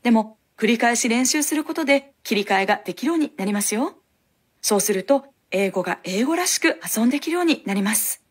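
Breathy, higher-voiced woman teaching a lesson. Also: expressive, a little fast. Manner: clear, instructive. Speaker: language lesson host. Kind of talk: scripted lesson narration.

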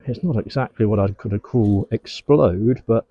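A middle-aged English man works his beehives in a garden apiary, giving a relaxed running commentary and speaking gently to the bees. His voice is fairly low and his pace a little slow. The recording is dry with the high end cut off.

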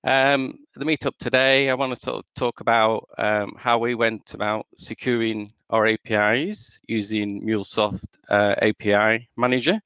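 A man's voice: on the low side, fairly even intonation, normal speed, hardly any pauses, fairly bright tone, clear, resonant tone, no echo, dull audio. A man from Northern England, with an accent mixed with Australian and American traces, giving a conversational meetup presentation as an integration manager, with frequent ums. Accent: Northern English with Australian and American traces. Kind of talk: conference presentation.

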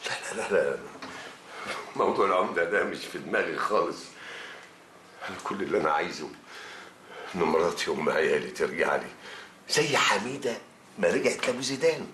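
An actor playing a proud, scheming former village mayor with an Egyptian accent, insistent in manner. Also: male voice, low voice, animated, brisk, pauses often, fairly bright tone, reverberant, a little hiss or hum. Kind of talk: TV drama acting.

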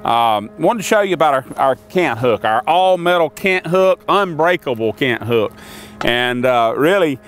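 A man's voice: on the high side, animated, a little slow, fairly bright tone, faint music behind. An older man casually demonstrating sawmill tools outdoors, talking in a folksy, rambling way with many fillers. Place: outdoors by a sawmill and in a wooded lot.

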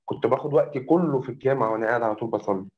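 A man's voice: medium pitch, racing. A young man with an Egyptian Arabic accent telling his personal story to a host in a casual, rambling way, often addressing him as doctor. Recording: muffled lo-fi audio.

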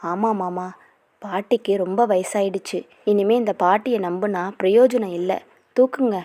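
A woman's voice: mid-range voice, fairly even intonation, unhurried, dark tone, no room sound, close to an everyday voice. A woman doing an earnest young brother. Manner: earnest, scolding his brother. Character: young man, caring but quick-tempered brother.

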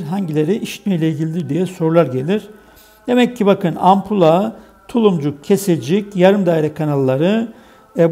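Male biology teacher, gravelly and mellow, asks and answers his own questions, slightly high voice. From Turkey. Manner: explains step by step, asks questions and answers them himself, repeats key terms. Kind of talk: exam solution lesson.

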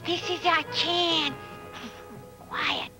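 A brisk high chimp spy. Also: female voice, level tone, pushed and bright, faint music behind, full character voice. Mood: urgent. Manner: clipped, urgent commands. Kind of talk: dubbed TV comedy.

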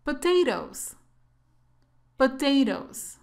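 Woman, English teacher, pronunciation drill, slow deliberate delivery, repeats each word. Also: high-pitched, sing-song, vocal fry, a little mellow. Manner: slow, careful drilling of words twice. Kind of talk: pronunciation lesson.

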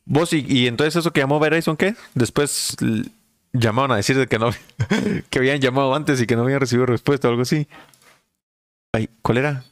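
A man's voice: mid-range voice, fairly quick, no echo. A man chatting and joking casually on a live stream.

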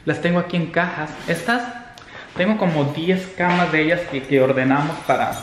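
A young man, chatting casually in a home vlog and swinging between shouts and soft whispers. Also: on the high side, moderate pace. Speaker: vlogger. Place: home, indoors. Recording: echoey room, faint noise.

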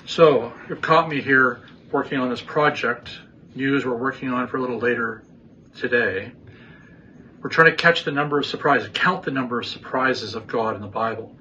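A man in his sixties speaking as a pastor in a casual welcome to camera, with halting, deliberate phrasing, in a small office. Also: mid-range voice, bright, forceful tone. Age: 60s. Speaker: pastor introducing a worship service. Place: small indoor church office. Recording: dull lo-fi sound with faint room noise.

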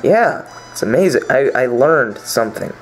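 A man's voice: medium pitch, expressive, moderate pace, low-quality recording. A man gives playful, rambling commentary as he plays a party video game with a friend. His voice swings up and down a lot, and faint music plays behind him. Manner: joking, sarcastic, rambling. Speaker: gameplay commentator. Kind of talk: casual gameplay banter.

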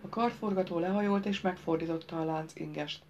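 A woman narrating an audiobook in a measured, quiet storytelling manner. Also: lowish voice, lo-fi sound, a little hiss or hum.

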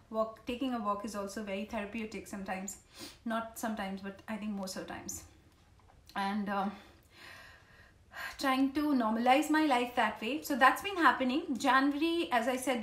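Sitting in her small home living room, a thirtysomething vlogger with an Indian accent makes loose, meandering small talk to the camera. Her voice is on the high side with a fairly bright tone, and the room gives the audio a spacious echo.

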